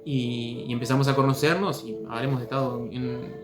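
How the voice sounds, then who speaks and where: A man hosting a commentary video, speaking calmly with frequent hesitations while telling his own story. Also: medium pitch, moderate pace, over music. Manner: hesitant, many fillers and restarts, calm. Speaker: host commenting on testimonies. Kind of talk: critical commentary and personal story. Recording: echoey room.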